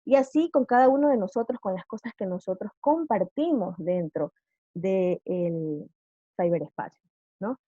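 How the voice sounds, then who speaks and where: A woman's voice: mid-range voice, lively intonation, unhurried, dark tone, dry recording. Woman teacher on a video call, dry close sound, kinda muffled, patient, keeps asking the class questions. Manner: patient, quizzing students. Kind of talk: live online class.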